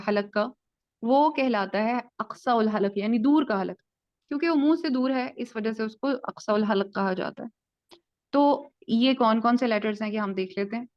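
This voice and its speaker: Woman, lo-fi recording, patient teacher, step-by-step explaining, slow modelled sounds. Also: on the high side. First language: Urdu. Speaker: tajweed teacher. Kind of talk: online lesson. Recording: dull lo-fi audio.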